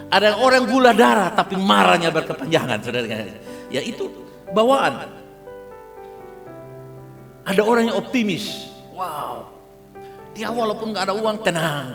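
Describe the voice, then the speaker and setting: A high, animated man's voice with a Kupang Malay accent, preaching with humor and constant asides to the congregation. His pitch swings widely, and the church hall adds a long reverb. Soft music plays faintly behind him. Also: gravelly. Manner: lively, humorous, addresses listeners as "saudara kasih" often. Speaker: pastor. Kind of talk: sermon.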